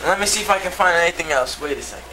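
On an old, hissy VHS home video shot indoors, a man with a high, racing voice shows off his comic collection in a put-on TV-presenter style. The camcorder mic sits across the room, so he sounds far off.

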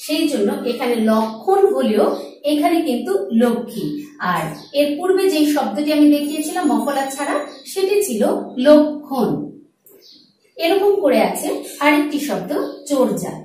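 A woman's voice: high-pitched, sing-song, moderate pace, darkish tone, recorded from a distance. A woman teacher gives a board lesson, explaining step by step and asking and answering her own questions. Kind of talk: board lesson on Bengali pronunciation. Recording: echoey room, voice from off the mic.

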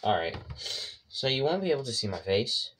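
A man's voice: medium pitch, sing-song, fairly quick, breathy edge. A man hosting a casual cooking vlog, talking through his steps with joking, self-mocking asides. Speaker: cooking vlogger. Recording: loud background noise.

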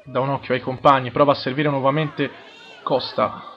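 An Italian man gives live play-by-play of a football match. He speaks in measured, halting short phrases as he follows the ball, with some crowd noise around him. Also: mid-range voice, little pitch movement, muffled recording. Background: crowd at a football ground.

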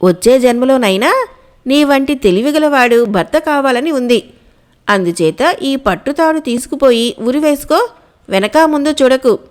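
A woman's voice: high voice, lively intonation, unhurried. A woman voicing a scheming landlord's wife who persuades her servant in a storybook tale. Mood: coaxing. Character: scheming zamindar's wife, middle-aged woman.

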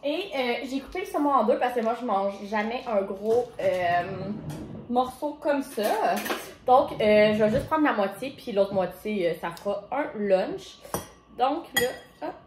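Unhurried yet animated, a slightly high-voiced young woman with a Quebec French accent speaks directly and easily to viewers while vlogging her day and showing a simple recipe. Her tripod camera picks up reverb and background noise.

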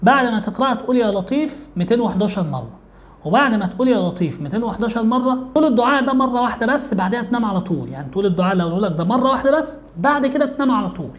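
A man's voice: very high-pitched, lively intonation, racing. A man with an Egyptian Arabic accent speaking earnestly to his viewers in a monologue, often repeating his key points. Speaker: host of a religious advice channel. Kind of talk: direct-to-camera monologue.

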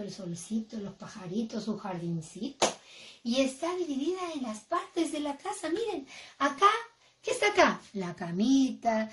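A young woman teaching English words to small children, with an exaggerated, expressive sing-song delivery. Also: sits high. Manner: exaggerated, expressive, acting out emotions for kids.

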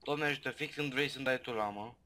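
A man playing an online shooter with friends, making excited callouts and repeating words. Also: mid-range voice. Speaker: gaming friend. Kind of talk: casual gaming chat with friends.

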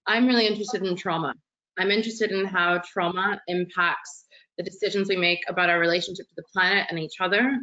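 Bright, animated young woman on a call. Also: lowish voice, brisk. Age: 20s. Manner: enthusiastic, expansive, talks with her hands. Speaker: webinar guest. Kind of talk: online panel interview. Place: living room at home. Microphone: laptop webcam video call. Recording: dull lo-fi video call audio.

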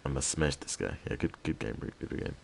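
Male streamer, very deep voice, hushed, laid-back banter and swearing. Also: expressive, brisk, vocal fry, slight background noise. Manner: keeps voice down, hushed. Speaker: gaming streamer. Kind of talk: casual live-stream commentary.

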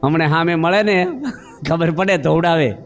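A man's voice: on the high side, moderate pace, faint music behind. A man preaching a sermon, telling homely stories and questioning his listeners. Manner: storytelling with acted voices and questions to listeners.

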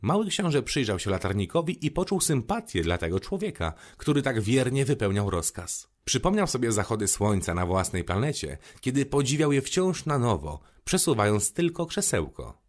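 Man with a lively storytelling lilt. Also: mid-range voice, moderate pace, few pauses. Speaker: audiobook narrator. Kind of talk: storybook narration.

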